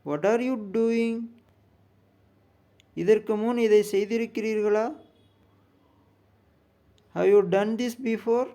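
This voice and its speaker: A male teacher with a Tamil accent sounds out everyday English questions one at a time, each said twice. His voice sits high for a man and has a soft, mellow tone. The reading is very slow and deliberate, made for learners to repeat.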